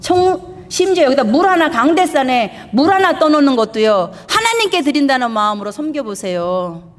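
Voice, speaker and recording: A woman's voice: high-pitched, sing-song, normal speed. Woman pastor preaching in a reverberant church. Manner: emphatic, with rhetorical questions to the congregation. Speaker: pastor and missionary. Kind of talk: sermon. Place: church sanctuary. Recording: long reverb of a church hall.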